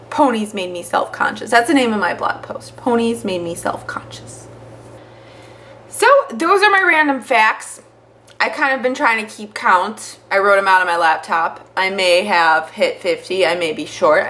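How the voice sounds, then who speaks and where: A young woman chatting to the camera as a vlogger, telling stories with lots of fillers in an animated way. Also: a little high, moderate pace. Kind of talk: casual chat to camera.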